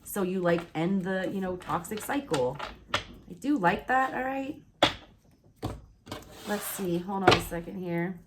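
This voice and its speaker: A woman's voice: fairly low pitch, expressive, a little slow, pauses often, heavy background noise. A woman with a Southern US accent giving a blunt, casual tarot reading, swearing freely and checking in with "all right?" while hiccuping. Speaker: tarot reader.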